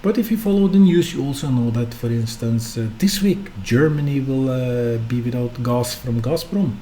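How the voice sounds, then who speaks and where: With a warm, mid-range voice at normal speed, a man from Norway hosts a one-person stock market podcast in English, which is not his native language. He speaks unscripted and hesitantly, leaning on fillers and rhetorical questions to the listener, over a little hiss or hum.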